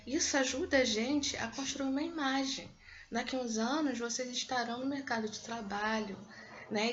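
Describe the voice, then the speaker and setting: A woman's voice: fairly high pitch, sharp tone, dull audio. A woman with a Brazilian accent, teaching a Portuguese lesson to students. She explains things patiently and often checks in with "tá?". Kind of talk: recorded class lesson.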